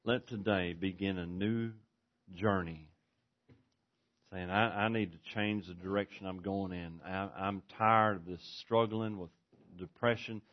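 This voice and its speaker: A man preaching a sermon in an earnest manner, swinging between forceful and hushed delivery. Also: sits low, fairly even intonation, unhurried. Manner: earnest, varies volume widely, from forceful to hushed. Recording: dull lo-fi recording.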